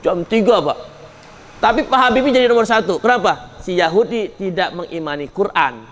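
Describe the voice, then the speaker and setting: A man preaching to a study gathering, his voice sitting high for a man. He climbs in pitch when he scolds, then drops into casual, colloquial asides to the men listening. A faint room ambience sits behind him. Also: animated, moderate pace, slight background noise. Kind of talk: sermon.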